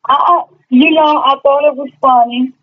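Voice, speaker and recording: A woman's voice: high-pitched, fairly even intonation, a little slow. A woman calling in over a speakerphone, giving her opinion plainly and laying out her points one by one. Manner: plainspoken, lays out points in order. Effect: heard over a phone on speakerphone. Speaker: caller. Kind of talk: casual chat. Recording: tinny phone line on speaker.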